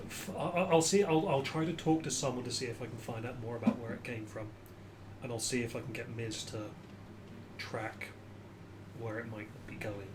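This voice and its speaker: A man playing a tabletop game, talking casually and haltingly as he thinks aloud. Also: mid-range voice, steady tone. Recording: clear background noise.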